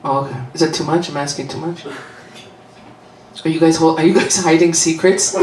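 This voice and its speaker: A woman's voice: deep voice, fairly even intonation, a little fast, a little hiss or hum. A woman with a Canadian accent doing a profane stand-up set with crowd work in a comedy club. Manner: brash, profane, chatty, laughing at own jokes. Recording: echoey club, mic heard from far, loud crowd.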